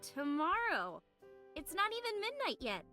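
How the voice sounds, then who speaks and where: A bubbly young idol girl, played by a woman, chirps in a very high, bright voice with a singsong, playful manner. Her pitch bounces all over, and faint game music sits underneath. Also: huge pitch swings, unhurried, heavily acted.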